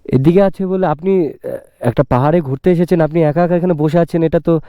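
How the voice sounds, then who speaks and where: A motovlog host from West Bengal who earnestly coaxes and pleads, often repeating himself, speaking into a helmet mic. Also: male voice, fairly high pitch, fairly even intonation, brisk, smooth, no echo, narrow, tinny audio. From West Bengal, India. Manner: earnest, coaxing, repeats pleas. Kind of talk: staged roadside vlog. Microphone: helmet-worn mic on a bike.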